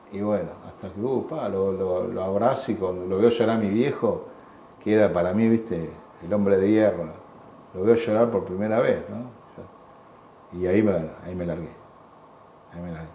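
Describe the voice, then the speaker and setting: A man in his sixties with an Argentine accent gives halting personal testimony, often repeating words and acting out the voices of people he quotes. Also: fairly low pitch, dark tone. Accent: Argentine Spanish. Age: 60s. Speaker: war veteran interviewee. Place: museum room. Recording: echoey room with faint background hum.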